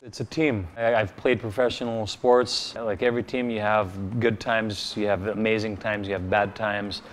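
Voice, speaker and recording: Low, flat-voiced man in an interview. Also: moderate pace, a little hiss or hum. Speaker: film crew member interviewee. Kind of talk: behind-the-scenes interview.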